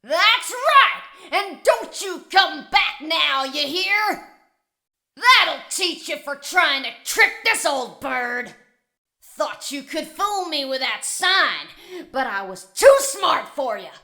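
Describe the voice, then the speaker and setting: A woman's voice: high voice, big pitch swings, takes it slowly, sharp tone, exaggerated voice. A woman voicing a sassy, boastful old bird animatronic in a video game, with brash folksy taunting. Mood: smug taunting. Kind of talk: video game character acting.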